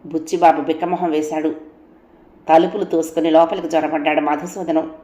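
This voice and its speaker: A woman's voice: sits low, flat delivery, fairly quick, mellow. Woman storyteller with a roomy sound. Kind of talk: audiobook story narration.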